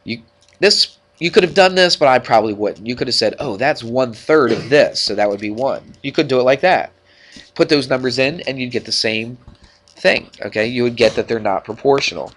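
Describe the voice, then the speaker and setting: A male math teacher works through problems for his class in a congested, stuffed-up voice. He speaks at an ordinary middle pitch with a slightly bright tone, keeping things informal and peppering the lesson with short check-in questions.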